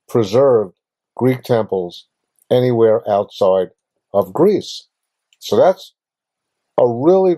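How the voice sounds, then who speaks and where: A man's voice: mid-range voice, warm tone. A man hosting a travel show, talking casually over slides, patient and explanatory, full of fillers and restarts. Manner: halting, with frequent fillers and restarts.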